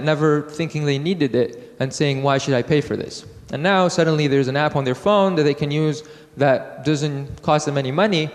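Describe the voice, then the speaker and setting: Casting note: mid-pitched man from Iraq, conference speaker, halting delivery, long hall reverb. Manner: halting, many fillers and restarts. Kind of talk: technical conference talk.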